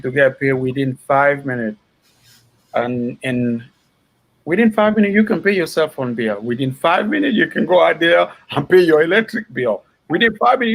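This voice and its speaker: A man's voice: on the high side, creaky, low-quality recording. A man from Cameroon promoting a company on a panel, emphatic and repetitive. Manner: emphatic, repeating phrases.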